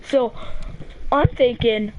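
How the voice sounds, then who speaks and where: Teen girl, fairly high voice, rambling casual storytelling, lots of "like" and cursing. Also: slow pace, muffled recording, a little hiss or hum. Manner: rambling, full of "like", restarts and swearing. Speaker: gaming channel host.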